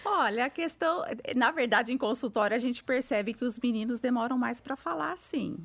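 A woman's voice: on the high side, normal speed, gravelly. A woman guest, a speech therapist, answering in a thoughtful, slightly hesitant way. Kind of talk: conversation.

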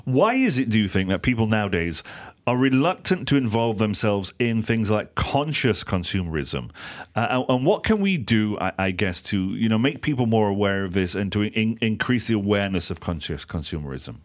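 Male radio host, lowish pitch, informal and chatty, casual studio presenting. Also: expressive, normal speed.

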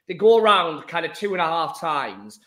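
A man with a croaky, slightly hoarse voice hosting a casual sports chat in a chatty, joking way. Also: a little high, sing-song, moderate pace, fairly bright tone. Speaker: podcast host.

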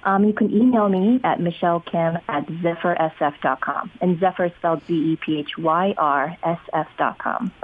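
A woman real estate agent calling in to a radio show over a landline phone, chatting upbeat and pitching a listing. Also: moderate pace, hardly any pauses. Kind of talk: casual radio phone-in chat. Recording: tinny phone line with clear line noise.

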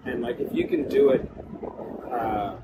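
Unhurried and medium-pitched, his voice swings widely up and down as he rambles informally through a casual podcast conversation. He's cold in an ice bath, and a distinct hum is audible behind him.

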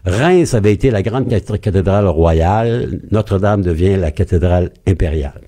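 A man with a Quebec French accent, a historian guest telling history in a lively, expressive way on a radio interview. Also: normal speed. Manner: lively, expressive storyteller with wide pitch swings.

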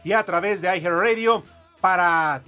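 A man's voice: sits high, normal speed, pushed and bright. A Mexican man hosting a live radio sports show, clowning and announcing with grand ringmaster greetings. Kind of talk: lively live radio banter and show introductions. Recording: studio radio with music underneath. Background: music.

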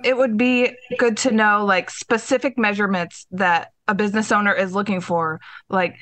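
A woman on a marketing team chats casually in a bright, tense voice. She fills her speech with "like" and "you know". The sound is dry and close. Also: mid-range voice, fairly even intonation, normal speed, dry recording. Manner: chatty, lots of "like" and "you know". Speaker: campaign team member. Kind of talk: casual podcast chat.

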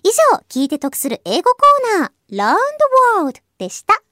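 A woman's voice: sits high, huge pitch swings, normal speed, bright, forceful tone, dry recording, studio quality, soft background music. A Japanese woman hosts a radio show, switching between English with a Japanese accent and Japanese. She stops often to search for words, with many fillers. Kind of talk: casual talk in English and Japanese.

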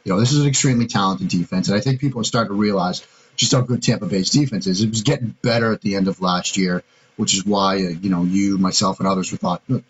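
A man's voice: sits low, quick pace, muffled recording, slight background noise. A man co-hosting a sports podcast, talking through defensive schemes step by step in a casual, analytical way. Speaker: podcast co-host, football analyst.

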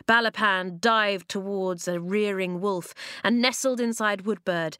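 A woman narrating a children's storybook in an expressive way, slowing down for dramatic moments, on a close studio mic. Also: medium pitch, no echo. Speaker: audiobook narrator. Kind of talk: storybook reading.

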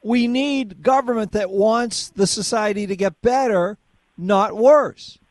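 A man's voice: sits high, takes it slowly, dry recording, clean studio sound. A male radio host on a call-in show, leading the caller along with pointed questions. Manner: probing, leads the caller with questions. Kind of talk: call-in talk radio debate.

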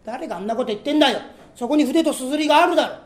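A man performing comic storytelling, voicing a gruff, bossy male thief chief who scolds in rough street talk. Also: very high-pitched, animated, racing. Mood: scolding. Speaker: rakugo storyteller.

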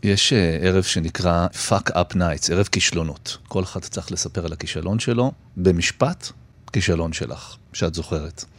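A man interviewing a guest in a radio studio, asking short, relaxed questions. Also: low voice. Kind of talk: casual interview chat.

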